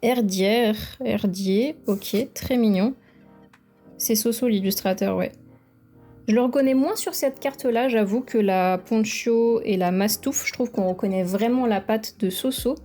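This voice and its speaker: A woman's voice: on the high side, unhurried, warm tone. A young woman, chatting enthusiastically as she opens trading card packs and praises each card. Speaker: card-opening video creator. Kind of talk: casual card-opening commentary. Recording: faint background music.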